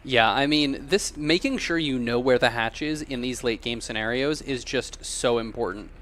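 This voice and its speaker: Excited male esports color commentator. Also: medium pitch, moderate pace. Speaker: esports caster. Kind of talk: live game commentary.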